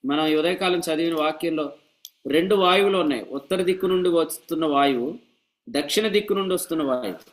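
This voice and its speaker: A man preaching a sermon at a church meeting, animated and scolding with humor and rhetorical questions. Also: on the high side, fairly quick, poor audio. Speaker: pastor.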